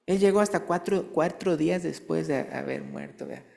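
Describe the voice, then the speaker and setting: A man preaching a sermon in a church, explaining quietly, then reading scripture in a high, drawn-out, emphatic voice and often asking his listeners questions. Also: vocal fry.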